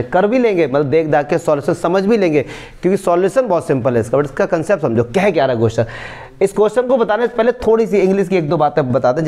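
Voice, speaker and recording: A man with a fairly high voice teaching maths for an exam. He talks students through each step in a coaxing way and keeps checking that they have understood. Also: darkish tone. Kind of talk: explaining board exam maths.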